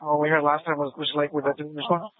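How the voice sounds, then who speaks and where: A man's voice: on the high side, level tone, fast talker. A man in the field calling out terse, urgent updates during a chase, heard over a police scanner radio. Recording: dry, tinny radio band.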